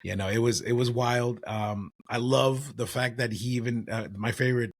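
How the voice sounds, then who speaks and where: A man's voice: mid-range voice, fairly even intonation, normal speed, no echo. A man co-hosting a wrestling podcast in a casual, conversational, slangy way. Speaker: podcast co-host.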